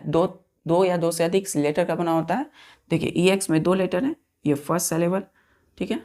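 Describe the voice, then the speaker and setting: Male English teacher, gravelly tone, patient classroom explainer who keeps checking the class understands. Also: high-pitched, darkish tone. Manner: repeats words and quizzes the class often. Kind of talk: classroom lesson in spoken Hindi.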